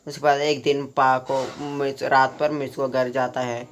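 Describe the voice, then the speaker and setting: Male storyteller, flat monotone delivery, halting casual retelling, frequent restarts. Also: medium pitch, slight background noise. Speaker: fan storyteller recapping his own story.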